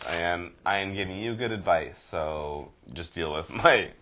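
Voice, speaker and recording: A man's voice: sits low, a little slow, bright, forceful tone, lo-fi sound. A man with a nasal voice hosting a casual horoscope vlog, chatty and rambling with a self-deprecating streak. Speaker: astrology vlogger.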